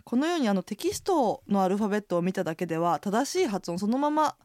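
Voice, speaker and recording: A woman's voice: medium pitch, big pitch swings, quick pace, darkish tone, no room sound, clean studio sound. A woman from Toyama, an inn hostess co-hosting a radio language lesson, guiding the talk with comments. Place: radio studio.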